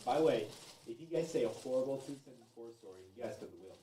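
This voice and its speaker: A young man in his late teens producing a student podcast, calling out quick cues off-mic. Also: medium pitch, expressive, mellow. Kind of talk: casual chat. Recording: distant echoey mic with noise.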